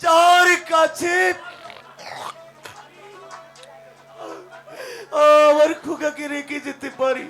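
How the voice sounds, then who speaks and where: A wounded fugitive father, desperate and gasping, in Bengali jatra melodrama. His very high voice drags slowly through halting, repeated words and groans. Faint music plays behind him. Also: fairly even intonation, fairly bright tone, exaggerated voice. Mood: anguished pleading.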